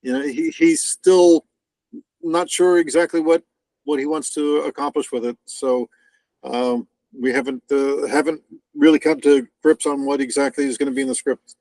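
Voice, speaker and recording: A man's voice: mid-range voice, fairly even intonation, moderate pace, a little mellow, dry recording, rough recording. A man talking in an easygoing, hesitant way in a casual video-call chat.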